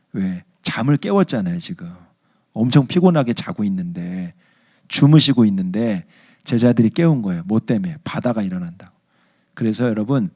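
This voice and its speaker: A male pastor preaching a sermon at a church service, telling stories in an animated way. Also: medium pitch. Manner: animated storyteller acting out scenes.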